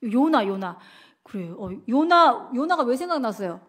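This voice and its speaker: A woman evangelist leads a Bible lesson in a loose, chatty way, asking the class question after question. Her voice sits somewhat high for a woman. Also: sing-song, normal speed.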